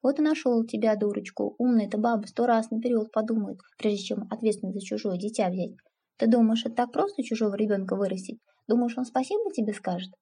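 A woman's voice: on the high side, fast, warm tone, slightly rough. A woman voicing a blunt, stubborn older village aunt who scolds and mocks in folksy speech. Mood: scolding.

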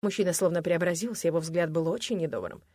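Woman narrator, steady storyteller, dry close mic. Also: on the low side, fast, no room sound. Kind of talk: audiobook reading.

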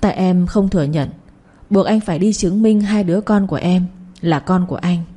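A woman's voice: fairly low pitch, moderate pace, dark tone, breathy edge. A woman reading the lines of a middle-aged man who insistently pleads with an old love in an audio story. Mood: pleading.

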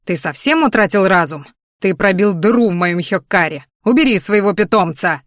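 A woman voicing a yelling, frantic sea captain. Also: medium pitch, a little slow, dry recording, clean studio sound, natural voice. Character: furious male ship captain, shouting.

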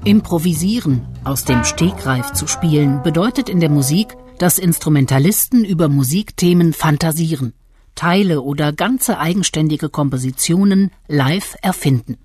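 A woman reporter giving calm, measured, scripted documentary narration. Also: low-pitched. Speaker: radio reporter. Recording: narration over loud music.

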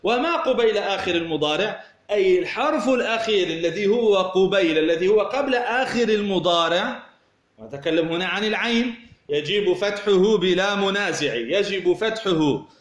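A man from Tunisia teaching a grammar lesson. He asks rhetorical questions, repeats words as he explains, and says example words slowly. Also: high voice, animated. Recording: echoey room.

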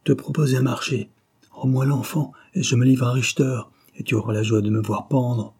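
A man's voice: mid-range voice, level tone, moderate pace, darkish tone, slightly rough. A man reading the part of a desperate father, urgent and impassioned as he bargains for his child, in an audiobook. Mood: pleading.

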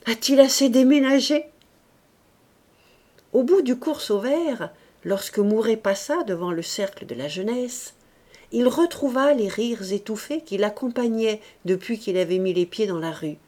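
A woman reading a classic novel aloud as an audiobook narrator, in a measured and expressive way. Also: mid-range voice. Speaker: audiobook reader.

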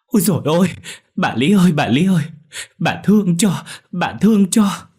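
A man's voice: sits high, sing-song, moderate pace, a little mellow, breathy edge, pitched above the performer's own voice, full character voice. A man voicing a frail old woman who wails and begs for mercy in a storybook tale. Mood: wailing. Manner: wailing.

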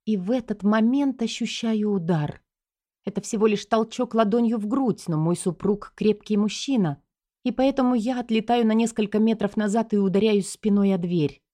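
A woman's voice: mid-range voice, moderate pace, warm tone. A woman reading a first-person story aloud as an audiobook narrator, in a tense and dramatic way.

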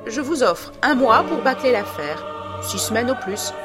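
A woman's voice: on the high side, animated, a little slow, loud music behind the voice, pitched above the performer's own voice. A woman reading aloud, voicing a sinister, corpse-like male blackmailer who taunts with mocking familiarity. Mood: menacing. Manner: sneering, overly familiar, taunting.

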